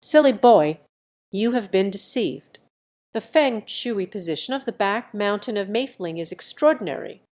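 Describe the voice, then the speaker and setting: A woman reading the lines of a sly, scolding old male country healer in an audio story, with a gruff, teasing manner. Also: mid-range voice, expressive, moderate pace, darkish tone, natural voice.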